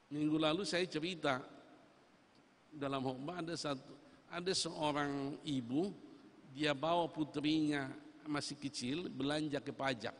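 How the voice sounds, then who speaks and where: A man preaching a sermon as pastor, emphatic and repetitive, with loud rising refrains. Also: a little high, fairly even intonation, measured pace, long pauses. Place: church sanctuary. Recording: reverberant church hall.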